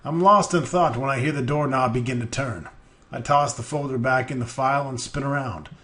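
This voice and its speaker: A man reading a game's narration aloud in a deadpan delivery, breaking in with profane, mocking jokes as a let's player. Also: medium pitch, a little fast. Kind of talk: reading game text aloud with crude jokes.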